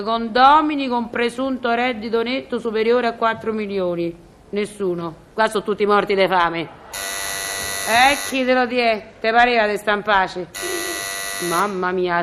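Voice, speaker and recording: An actress in a radio comedy playing a chatty, sarcastic middle-aged Roman doorkeeper with a Roman accent. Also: female voice, mid-range voice, a bit bright, slight background noise, lightly acted. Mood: grumbling. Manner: chatty, sarcastic, mock-polite on the phone. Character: gossipy sharp-tongued Roman woman doorkeeper.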